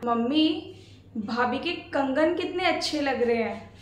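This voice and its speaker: Lady doing a bratty greedy sister-in-law, high whiny voice, echoey room. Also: lively intonation, measured pace, slight background noise. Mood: smug. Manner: demanding, whiny, bossy. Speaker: husband's sister. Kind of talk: family skit drama.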